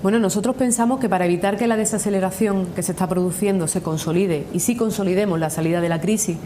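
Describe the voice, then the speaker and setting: A woman's voice: quick pace, dark tone. A woman with an Andalusian accent giving earnest, long-winded answers in a formal political interview as a union representative, repeating points for emphasis. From Andalusia, Spain. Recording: noisy with low rumble.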